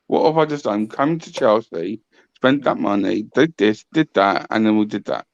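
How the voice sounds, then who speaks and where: A man's voice: fairly low pitch, expressive, normal speed, dry recording, muffled recording. A man on a football podcast panel, telling stories and reminiscing about past matches. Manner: reminiscing, storytelling. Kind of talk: casual football chat.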